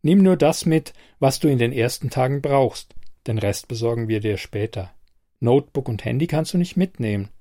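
A man voicing a cool female android bodyguard in an audiobook, speaking calmly and firmly. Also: mid-range voice, normal speed, dry recording, clean studio sound, lightly acted. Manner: calm, firm, matter-of-fact.

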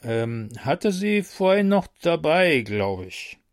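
A man's voice: fairly high pitch, very animated, slow, voice pushed up. A man voicing a hungover, drunken male angel who mumbles and slurs his words. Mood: drowsy. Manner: slurred, mumbling, hiccupping.

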